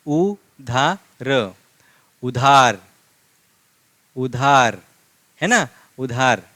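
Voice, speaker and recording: A man teaching a live online language lesson, slowly drilling words by repeating each one and checking in with tag questions. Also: a little high, fairly bright tone, no echo. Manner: slow, repetitive drilling with frequent tag questions.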